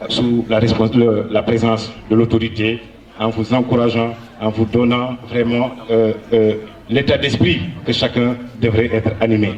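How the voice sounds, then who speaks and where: A Soninke-speaking man from Senegal, the honoree at a local ceremony, gives a public speech in slow, earnest, measured phrases with frequent hesitant fillers. His ordinary-pitched voice has a darkish tone and a roomy echo, captured from some distance from the mic.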